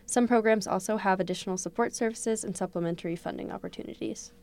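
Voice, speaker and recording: A woman's voice: medium pitch, fast talker, a little mellow, no echo. A woman reporter answering a host's questions in a prepared, informative way. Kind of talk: news interview answers.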